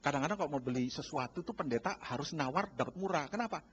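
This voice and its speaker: A man pastor preaching a sermon, animated and acting out bargaining scenes while addressing the congregation. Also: a little high, fast, a little hiss or hum. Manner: lively, acts out bargaining dialogues, addresses congregation as saudara. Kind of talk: sermon with acted-out market scenes. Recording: dull lo-fi church recording.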